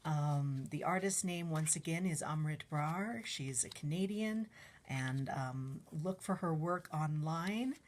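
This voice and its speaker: A young woman casually reviewing a tarot deck, soft-spoken and a little breathless, often trailing into whispers with many ums. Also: deep voice, slow, slight background noise.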